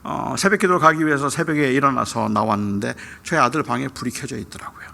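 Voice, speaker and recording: A middle-aged male pastor preaching at a dawn church service, telling a personal story. He swings from loud outbursts to hushed whispers. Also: mid-range voice, quick pace, vocal fry. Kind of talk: sermon.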